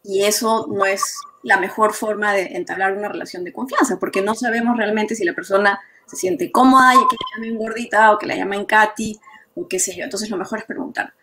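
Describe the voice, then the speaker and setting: Woman, explanatory, conversational, mid pitch. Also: fairly quick, background noise. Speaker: guest therapist. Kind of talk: professional conversation.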